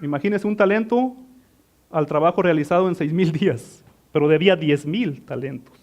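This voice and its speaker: A man's voice: a little high, normal speed, a little mellow. A man preaching a sermon as pastor, asking his congregation questions and answering them himself, often addressing them as beloved. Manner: calls listeners "mis amados".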